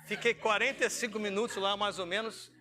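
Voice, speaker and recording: A middle-aged Brazilian man preaches an informal sermon as a pastor, weaving in personal anecdotes. His voice sits high with a steady tone and a fairly quick pace, and the recording is very noisy. He tells stories conversationally, acts out dialogue, and asks rhetorical questions.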